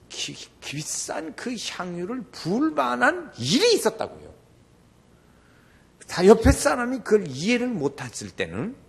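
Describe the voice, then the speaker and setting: An older man preaching a sermon as pastor, animated, often acting out the people in his stories. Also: high-pitched, creaky, slightly rough. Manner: animated, acts out quoted voices.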